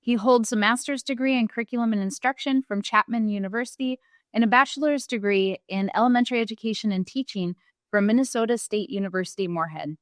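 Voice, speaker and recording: Upbeat lady hosting a podcast interview, highish voice, reads the guest intro. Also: quick pace, no room sound, clean studio sound. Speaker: podcast host.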